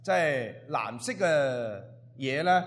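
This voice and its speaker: A man preaching a sermon in short, emphatic, repeated phrases, pausing for an interpreter. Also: medium pitch, expressive, long reverb tail.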